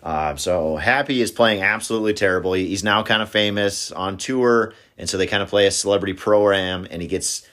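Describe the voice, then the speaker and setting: A man with a fairly low voice talks through favorite film scenes in a relaxed podcast chat. He agrees easily and retells the action step by step in an easygoing way. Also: fairly quick, hardly any pauses. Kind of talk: casual chat about movies.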